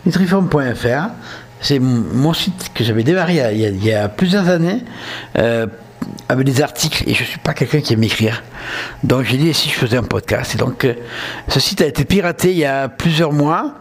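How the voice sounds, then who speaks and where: A man's voice: mid-range voice, expressive, a little fast, slightly rough. A man with a southern French accent hosting a casual solo podcast, chatting straight to his listeners and often checking in with them. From southern France. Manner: chatty, addresses listeners directly with frequent "ok?". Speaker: podcast host.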